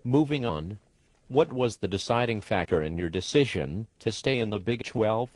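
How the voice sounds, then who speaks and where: A man's voice: on the low side, lively intonation, moderate pace, darkish tone, dry recording. A computer-generated man's voice playing a prim talk show host who speaks formally and keeps apologizing. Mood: exasperated.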